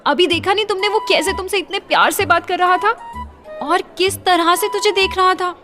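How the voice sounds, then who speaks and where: A woman voicing a young college woman who is a dramatic, teasing friend with a shrill, melodramatic way of talking. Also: steady tone, normal speed, over music, a crowd in the background.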